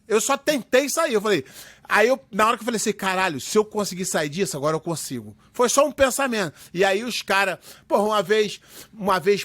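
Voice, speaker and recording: Man, high voice, dry mic, halting and profane talker. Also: fairly bright tone, no echo. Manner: halting, restarting, blunt and profane. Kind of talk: casual chat.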